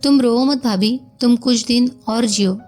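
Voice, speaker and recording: Brief: woman doing a weeping young girl, higher voice. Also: unhurried, a little mellow, soft background music, lightly acted.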